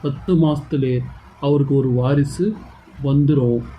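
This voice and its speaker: A man's voice: medium pitch, steady tone, a little slow, dark tone, slight background noise, close to an everyday voice, low-quality recording. A man voicing a sly, greedy older priest in a cartoon serial, solemn with a wheedling edge.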